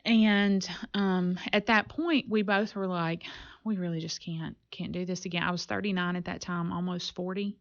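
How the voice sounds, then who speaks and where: A woman's voice: on the low side, fairly even intonation, moderate pace, gravelly. A woman in her forties, a podcast guest, telling her faith story in an earnest, reflective way. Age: 40s. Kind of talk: personal faith testimony. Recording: muffled lo-fi audio.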